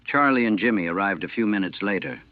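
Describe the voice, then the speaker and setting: Speaking fast in a lowish voice, a man in his sixties who served in the navy recounts a battle firsthand, keeping it plain and matter-of-fact. The old 1940 recording is thin, dry and phone-like, with no echo.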